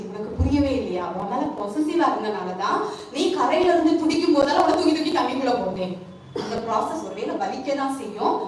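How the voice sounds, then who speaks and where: A woman pastor from India preaching a sermon, quizzing her congregation with questions and asking them to answer aloud. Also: sits high. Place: church hall, indoors. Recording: echoey hall from far off, faint noise.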